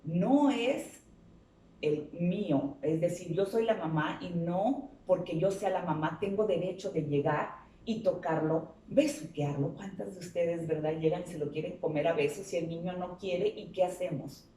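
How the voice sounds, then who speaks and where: A woman with a somewhat low, dark, mellow voice explains things earnestly and patiently. She often asks rhetorical questions as she goes. She sounds a little distant from the mic, in a roomy space with faint background noise. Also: normal speed. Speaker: child psychologist guest. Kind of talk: interview on a talk show.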